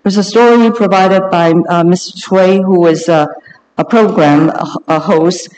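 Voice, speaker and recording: A man working as a live interpreter, translating a sermon on the spot in short bursts, halting with fillers and self-corrections. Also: high-pitched, fairly even intonation, a little mellow, dull audio, slight background noise. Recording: long reverb of a large hall.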